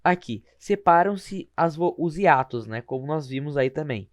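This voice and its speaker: A man explaining grammar rules over slides, informal, often slowing to spell words out and correcting himself. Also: on the high side, animated, no echo, studio quality. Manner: informal, repeats words slowly, self-correcting. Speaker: teacher.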